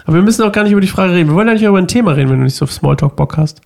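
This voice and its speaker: A man's voice: high-pitched, expressive, rapid-fire, creaky, darkish tone. A man co-hosting a casual podcast chat, playful and teasing, his voice still a bit scratchy. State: slightly scratchy voice. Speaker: podcast co-host.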